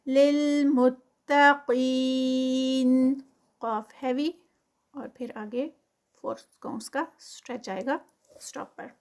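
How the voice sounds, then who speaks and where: A woman teaching tajweed, reciting phrases slowly and drawn out, then explaining the rules quickly and plainly. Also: fairly high pitch, creaky, darkish tone.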